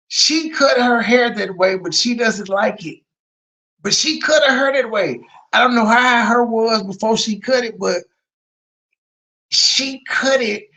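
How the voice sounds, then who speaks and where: A man's voice: high voice, gravelly, a bit bright, rough recording. A man hosting a reaction channel, giving blunt, sarcastic commentary with casual cursing.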